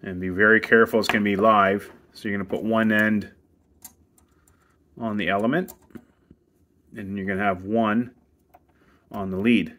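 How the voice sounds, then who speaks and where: A man with a fairly low, bright, forceful voice gives a casual step-by-step guide to testing a hot tub heater while working with his hands outdoors beside the equipment bay. His intonation is fairly even and his pace moderate, with long pauses, plain practical instructions, and a little hiss or hum on the recording.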